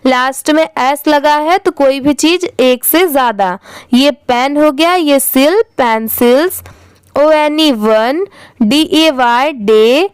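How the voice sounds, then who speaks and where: High-voiced woman teaching English slowly. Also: no echo, rough recording. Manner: spells words letter by letter, then says them slowly. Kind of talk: slow spelling-out reading lesson.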